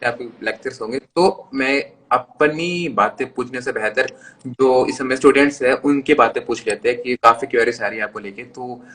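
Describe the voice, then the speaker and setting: A man with an Indian accent hosts a casual live stream interview over a video call, sounding polite and eager. His voice sits at medium pitch with a slightly bright quality, and he speaks at a normal speed.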